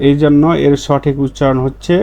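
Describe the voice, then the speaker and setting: A man teaching a language lesson, patiently repeating words slowly for learners. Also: fairly high pitch, completely flat delivery, warm tone.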